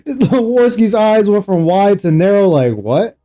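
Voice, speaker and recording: A man's voice: high-pitched, sing-song, unhurried, warm tone. A man streaming, commenting sarcastically and incredulously on an interview clip he is playing. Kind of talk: reaction commentary.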